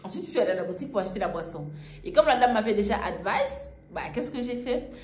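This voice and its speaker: A woman's voice: medium pitch, very animated, fast, darkish tone. A young woman from Gabon, casually telling a travel story, full of fillers and asides. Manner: chatty, frequent fillers and "en fait". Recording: echoey room, faint ambient noise.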